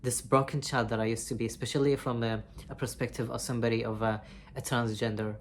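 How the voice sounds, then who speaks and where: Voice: mid-range voice, level tone, quick pace, slight background noise. A person talking straight to camera in a candid confessional vlog, rambling and heartfelt, swearing freely and often restarting sentences. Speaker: vlogger.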